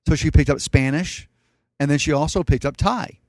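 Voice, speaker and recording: A man's voice: a little high, moderate pace, a little mellow, no room sound, studio quality. Matter-of-fact man in his sixties telling stories. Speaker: podcast guest, real estate investor. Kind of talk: casual interview storytelling.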